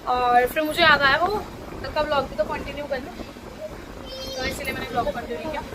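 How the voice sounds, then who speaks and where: Chatty high-voiced woman vlogging at home. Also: fairly quick, a crowd in the background, background noise. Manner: chatty, playfully teasing and scolding. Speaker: vlog host and mother. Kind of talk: casual family vlog chat. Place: at home, indoors.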